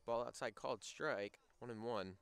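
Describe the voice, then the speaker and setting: A young man doing play-by-play for a high school baseball game, bantering with his partner between pitches. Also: moderate pace, fairly bright tone, smooth. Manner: banters and teases his co-announcer. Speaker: play-by-play announcer.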